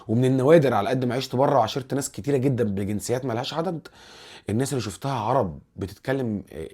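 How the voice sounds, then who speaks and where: A man with an Egyptian accent hosting a casual football commentary vlog, animated and rambling, restarting his words often. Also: mid-range voice, breathy edge. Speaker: football channel host.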